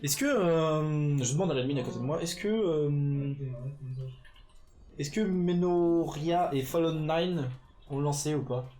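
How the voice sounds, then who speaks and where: On the high side with a warm tone, a man provides live esports commentary. He keeps it chatty and loose, using fillers to cover gaps and correcting his slips on the fly.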